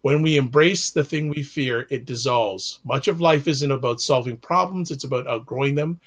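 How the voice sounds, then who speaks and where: A man's voice: mid-range voice, normal speed. A man from Canada hosting a live online talk show, reading a formal introduction of his guest and then chatting loosely with him. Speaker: host.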